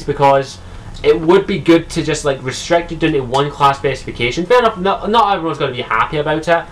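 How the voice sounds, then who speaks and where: A young Scottish gaming vlogger with a slightly high, somewhat bright voice gives casual solo commentary on a game. He talks profanely, with lots of ums and restarts, on a low-quality recording.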